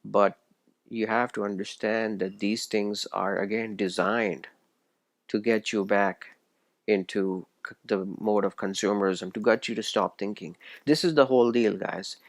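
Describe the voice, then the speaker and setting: Gravelly low-voiced man preaching. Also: steady tone, measured pace, no room sound. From Pakistan. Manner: earnest and preachy, stumbles and restarts phrases. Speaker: video essayist. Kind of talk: solo religious commentary monologue.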